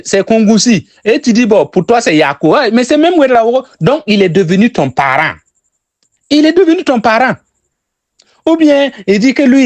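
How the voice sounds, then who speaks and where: Lively high-voiced Burkinabè man teaching sales. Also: dry recording. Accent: Burkinabè French. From Burkina Faso. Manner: repeats key phrases for emphasis, addresses listeners directly. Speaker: sales trainer.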